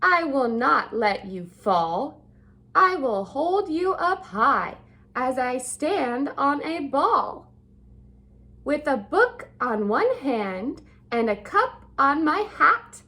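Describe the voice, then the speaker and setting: A woman voicing a playful, show-off male cat in a storybook read-aloud, in a slow, sing-song rhyming delivery. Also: sits high, sing-song, bright, forceful tone, heavily acted. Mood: boastful. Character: playful male cat in a hat, showing off tricks.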